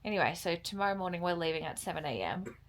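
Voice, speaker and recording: Young woman, casual travel vlog, chatty, laughing, very expressive pitch, phone recording. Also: fast. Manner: chatty, bubbly, laughs often. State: out of breath from altitude. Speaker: travel vlogger. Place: outdoors on a mountain horse trek, then indoors.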